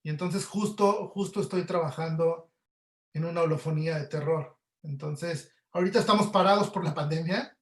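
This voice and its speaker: A man with a Mexican accent and a voice on the high side answers casually at a moderate pace. He's an audio producer being interviewed in an online webinar, and the recording sounds roomy and echoey.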